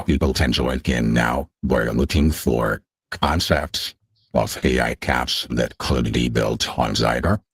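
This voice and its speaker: A man speaking as a guest through a voice changer that shifts his voice very deep, talking haltingly with many filler sounds in a casual online interview. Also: breathy edge, no room sound, studio quality. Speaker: guest representing a project.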